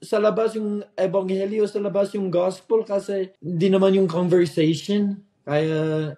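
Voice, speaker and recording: A young man from California talks in a casual chat, slipping between Tagalog and English as he goes. His voice is dark and mellow, and he pauses and restarts as he searches for words. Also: sits high, steady tone. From California, USA. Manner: learner's Tagalog mixed with English, hesitant restarts. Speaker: guest, former missionary.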